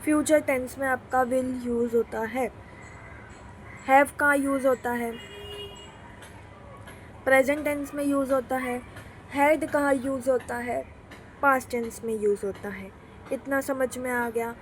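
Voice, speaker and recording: A woman teaching an English grammar lesson who keeps turning her points into rhetorical questions for the class and reads example sentences slowly. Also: high voice, steady tone, slight background noise.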